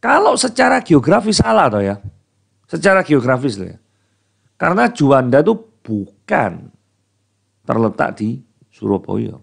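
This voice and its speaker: A man's voice: sing-song, unhurried, creaky, long pauses. A man giving a conversational Bible devotional, posing rhetorical questions and answering them himself, his voice dropping at the ends of phrases. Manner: drops pitch at phrase ends. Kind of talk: conversational sermon.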